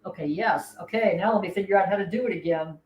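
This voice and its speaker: A woman's voice: medium pitch, quick pace, a little mellow. Chatty woman hosting a livestream. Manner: chatty, giggly, talks to viewers. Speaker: host. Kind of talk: casual livestream chat. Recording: echoey room, faint noise.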